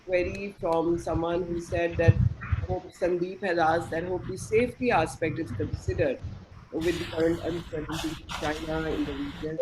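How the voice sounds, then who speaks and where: Middle-aged female webinar moderator, Indian accent, clearly noisy call audio. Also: on the low side. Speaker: moderator of an online session. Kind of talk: hosting a webinar Q and A. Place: indoor room, on a video call. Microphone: video call microphone.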